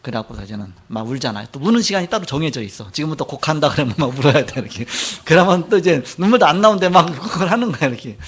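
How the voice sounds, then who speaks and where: A middle-aged male pastor preaching a sermon, telling a personal story and moving between loud emphasis and quiet asides. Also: a little high, big pitch swings, very fast, hardly any pauses, husky.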